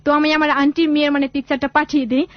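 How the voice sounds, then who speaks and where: A young woman calls a radio show to tell her life story emotionally, rambling and often restarting her sentences. Her high voice races along with little pitch movement and no room sound, and the radio audio is dull and lo-fi.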